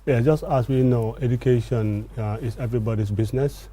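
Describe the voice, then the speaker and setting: A man giving formal, deliberate interview answers as an official guest. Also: mid-range voice, steady tone, warm tone. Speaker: education ministry guest.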